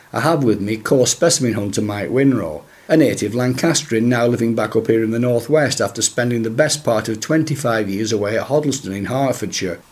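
A man with a croaky, hoarse voice from a chest cold, hosting a podcast with formal, scripted introductions and questions. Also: medium pitch. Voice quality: croaky, husky. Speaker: podcast host.

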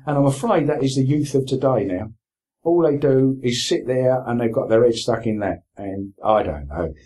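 With a dark, expressive, medium-pitched voice at normal speed, the sixty-something sea angler from Essex, England chats as an interview guest. He keeps it plain and casual, using colloquial expressions in his Essex accent.

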